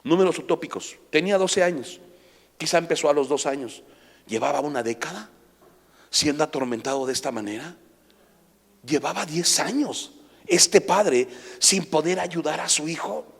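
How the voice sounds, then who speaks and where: A man's voice: a little high, moderate pace, gravelly, breathy edge. A man with a Mexican Spanish accent preaching a sermon as pastor, impassioned and full of rhetorical questions. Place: church sanctuary. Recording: long church hall reverb.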